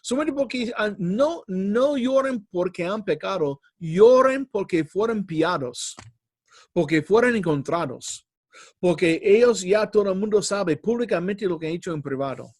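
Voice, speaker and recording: Slow, high-voiced earnest preacher man. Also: lively intonation, dry recording, clean studio sound. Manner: earnest, addresses listeners as brothers. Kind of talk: sermon. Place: church hall.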